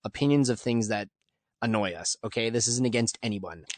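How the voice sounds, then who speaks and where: A man's voice: on the low side, brisk, dry recording. Joking male podcast host. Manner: joking, teasing, runs the segment. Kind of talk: casual podcast chat.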